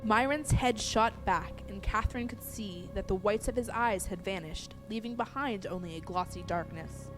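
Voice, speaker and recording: A woman storyteller narrating a horror story in a suspenseful way, growing hushed at tense moments. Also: mid-range voice, moderate pace, hardly any pauses. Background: music.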